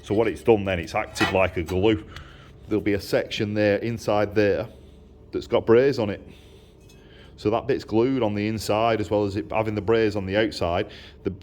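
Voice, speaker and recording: Holding a camera in his motorcycle workshop, a man who makes exhausts and works as a mechanic gives a casual hands-on demonstration. His voice sits low, and he talks informally, laying out each step plainly and often repeating himself.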